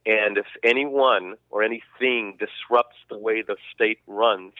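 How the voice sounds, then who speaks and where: A man's voice: on the low side, fairly even intonation, unhurried, no echo. A man co-hosting a history podcast, talking in an opinionated, emphatic way with frequent restarts. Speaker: podcast co-host. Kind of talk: casual history podcast chat. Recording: dry tinny phone-like line.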